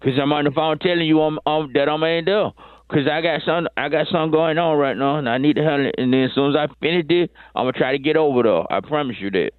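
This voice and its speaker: A rambling, slangy caller, played by a man, phones in with excuses, stammering and circling back on himself. His voice sits a little high. It comes through a tinny, dry phone line. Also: fast talker, clear, resonant tone, dry recording. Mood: pleading. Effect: over the phone.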